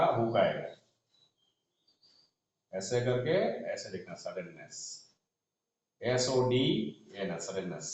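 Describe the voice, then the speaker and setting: A man explaining shorthand in a classroom, spelling out letters as he writes and often trailing off softly. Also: mid-range voice. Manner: talks while writing on a board, spells letters aloud, trails off softly. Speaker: shorthand teacher. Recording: echoey dull room recording.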